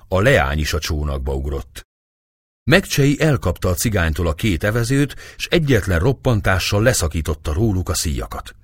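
Deep, husky-voiced male storyteller. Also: no room sound, studio quality. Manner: expressive, storytelling delivery. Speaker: audiobook narrator. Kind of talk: dramatic novel reading.

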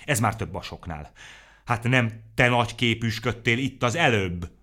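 A man voicing a hot-headed, dramatic rabbit who shouts theatrically in a storybook reading. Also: mid-range voice, pitched above the performer's own voice. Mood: indignant.

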